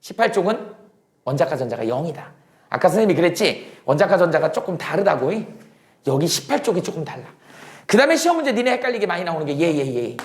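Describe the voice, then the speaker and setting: Animated male science teacher, echoey room. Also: fairly high pitch, fast talker. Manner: explains in a casual speaking style, asks questions and then answers them himself. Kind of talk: classroom lecture.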